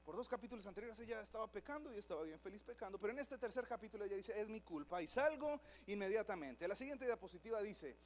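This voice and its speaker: A man preaching a lively sermon in a church, acting out the voices of people in his stories. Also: high-pitched, quick pace, few pauses, a little hiss or hum. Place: church hall.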